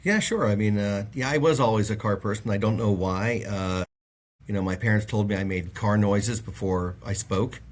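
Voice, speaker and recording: A middle-aged Bahamian man from the auto industry appears as a guest in a casual interview chat, speaking at normal speed in a voice on the low side. He rambles through long stories, with many fillers and restarts.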